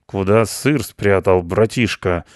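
A man's voice: deep voice, takes it slowly, dry recording, clean studio sound. A man voicing a pushy teenage male mouse who talks brusquely and threateningly.

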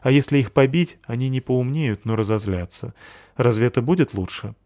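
A man voices a gentle young schoolboy in a children's storybook. He talks calmly and reasonably, in a soft and thoughtful way. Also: medium pitch, fairly quick, no room sound, clean studio sound, pitched above the performer's own voice, lightly acted. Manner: calm, reasoning.

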